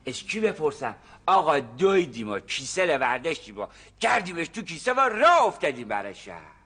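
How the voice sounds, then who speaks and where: A jittery secretive farmer. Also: male voice, fairly high pitch, sing-song, husky, heavily acted. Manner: hushed, dramatic storytelling with sudden whispers. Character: nervous rural male farmer, secretive and fussy. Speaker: farmer explaining a find. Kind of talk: TV comedy series acting.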